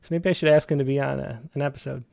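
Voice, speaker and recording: A man's voice: medium pitch, fairly even intonation, very fast, vocal fry, a little mellow, no echo, studio quality. A man hosting an online poetry show in an informal, slightly hesitant way, moving between chat and reading aloud. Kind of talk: casual hosting and poem reading.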